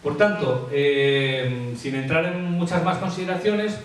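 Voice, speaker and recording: A man's voice: a little high, measured pace, recorded from a distance. Hesitant man, echoey and off-mic. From Asturias, Spain. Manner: hesitant, many fillers and tag questions. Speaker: graphologist. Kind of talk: expert explaining in an interview. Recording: echoey room, off-mic, faint hiss.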